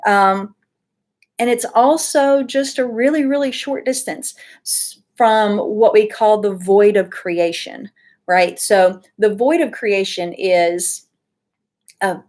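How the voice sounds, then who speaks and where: A woman's voice: mid-range voice, slow pace, darkish tone. A woman giving a casual weekly oracle card reading from her home office, chatty and full of ums and asides. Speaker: tarot and oracle card reader.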